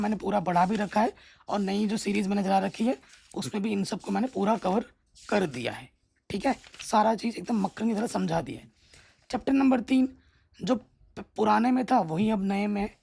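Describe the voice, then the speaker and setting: Male maths tutor with a gravelly, husky voice. Instructive, keeps checking in with students. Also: high-pitched, a little mellow. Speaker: maths teacher. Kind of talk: exam syllabus walkthrough lesson.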